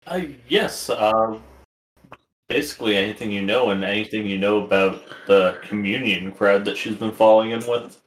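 A man's voice: fairly low pitch, moderate pace, slight background noise. A man playing a tabletop game, joking and bantering casually with the table. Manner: joking, playful. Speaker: player. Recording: roomy echo.

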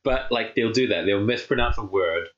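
Male podcast co-host, lowish voice, rambling casual delivery peppered with "right?", slightly dull lo-fi recording. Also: moderate pace. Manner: rambling, with many filler words and tag questions. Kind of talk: casual chat.

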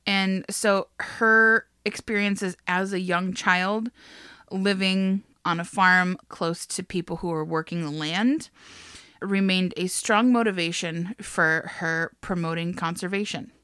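A young woman co-hosting a podcast casually retells someone's life story, chatty, laughing often, and swearing. Her lowish voice is steady, slow, pushed and bright yet smooth, recorded clean in a studio with no echo.

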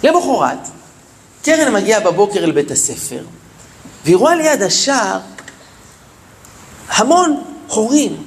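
A man telling a story to schoolchildren in a school, animated and asking them questions. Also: high-pitched, creaky, big-room sound. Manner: animated, asks the children questions. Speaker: storyteller speaking to children. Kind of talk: storytelling talk for children. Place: school in Israel, large room.

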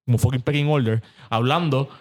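A man's voice: medium pitch, brisk, a little mellow. Puerto Rican man talking blunt Spanglish. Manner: Spanglish, switching between Spanish and English mid-sentence; blunt, profane. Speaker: podcast host. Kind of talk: casual opinionated chat.

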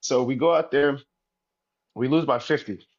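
Speaking at a moderate pace with a mid-level pitch, a laid-back basketball pro from the United States chats as an interview guest. He meanders and sprinkles in plenty of "you know"s. The sound quality is slightly muffled and lo-fi.

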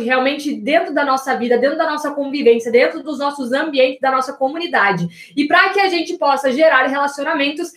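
A Brazilian woman mentor giving an energetic online class, talking straight to her viewers and asking them rhetorical questions. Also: high-pitched, roomy sound. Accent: Brazilian Portuguese. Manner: energetic, addresses audience as "gente", asks rhetorical questions. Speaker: business and communication mentor.

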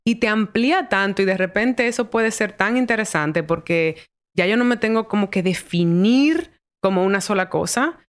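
A woman's voice: medium pitch, animated, moderate pace. A Dominican woman in her forties, hosting a podcast and telling a reflective story in casual chat. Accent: Dominican Spanish. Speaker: podcast host.

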